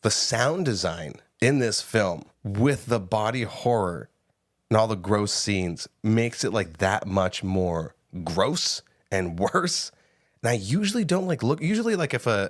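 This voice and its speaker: A man with a low voice talks movies on a podcast, animated and loose, swearing freely and laughing as he goes. He sits close to the mic in a dry, dead-sounding space. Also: measured pace, dry recording. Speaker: podcast co-host. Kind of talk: casual movie review chat. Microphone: close studio mic.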